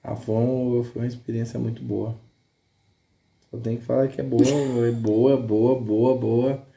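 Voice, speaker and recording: A man, the new father, giving brief, halting remarks in casual conversation. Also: mid-range voice, flat delivery, creaky, warm tone. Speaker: father, the speaker's husband. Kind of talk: casual chat. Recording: roomy echo.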